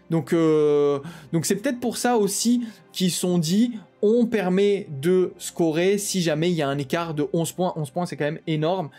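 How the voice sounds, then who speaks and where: A man hosting a tabletop game channel, explaining rules in a quick, casual way with lots of fillers and restarts. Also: high voice, mellow. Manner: talks fast, with many "euh" fillers and restarts.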